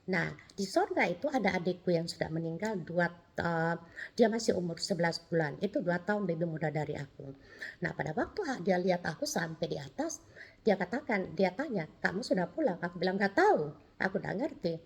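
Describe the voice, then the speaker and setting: A middle-aged woman, giving a personal testimony in an animated, storytelling way, acting out the dialogue and often restarting her sentences. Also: lowish voice, brisk, husky. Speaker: testimony speaker.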